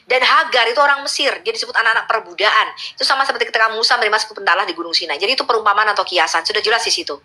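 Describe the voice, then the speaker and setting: A woman's voice: a little high, racing, few pauses, sharp tone. A woman arguing in a heated religious debate, insistent and lecturing, repeating her questions to press her point. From Indonesia. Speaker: debate guest.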